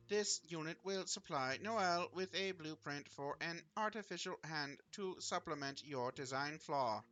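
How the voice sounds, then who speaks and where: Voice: mid-range voice, bright, forceful tone. A streamer putting on a robot voice to play a stiff, formal male robot worker in a game, speaking in clipped, literal phrases. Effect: robot voice put on by a streamer. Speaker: streamer reading game dialogue aloud. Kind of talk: let's play voice acting.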